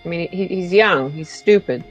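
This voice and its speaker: A player in a casual tabletop game, expressive and quick to react. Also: medium pitch, faint music behind, rough recording.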